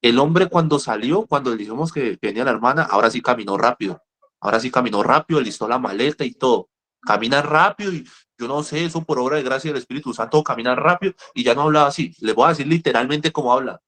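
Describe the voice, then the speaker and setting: Animated man counseling. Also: mid-range voice, fast. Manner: animated, repeats words, speaks directly to listeners. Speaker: rehab counselor. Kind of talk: motivational talk with storytelling.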